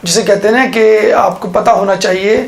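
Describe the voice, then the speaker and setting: A woman's voice: medium pitch, steady tone, reverberant. A woman giving an instructional lecture on how to give sermons, explaining step by step and often checking in with her listeners. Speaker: religious teacher.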